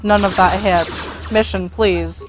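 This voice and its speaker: A woman's voice: mid-range voice, fairly even intonation, takes it slowly, noisy background. A young woman in casual chat alongside a game session, teasing her co-player and telling little stories. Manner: chatty, teasing, tells anecdotes. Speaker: gameplay co-commentator.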